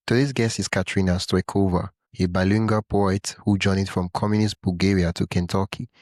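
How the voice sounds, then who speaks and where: A man's voice: low voice, fairly even intonation, fairly quick, darkish tone, no room sound, studio quality. A man hosting a podcast interview, enthusiastic and given to hesitant restarts. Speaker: podcast host.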